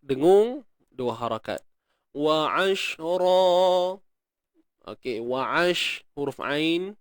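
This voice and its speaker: A man with a Malaysian Malay accent teaching Quran recitation rules, explaining patiently, repeating words slowly and chanting verses. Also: mid-range voice, animated, no echo, studio quality. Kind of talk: tajwid lesson, explaining and reciting.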